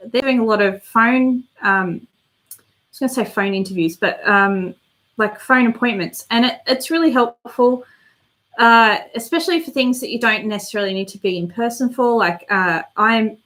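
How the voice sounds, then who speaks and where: On a casual live stream, a woman replies to comments from viewers in a rambling, talkative way, thinking as she goes. Her voice sits on the high side with a fairly bright tone, though it's a bit stuffy and worn.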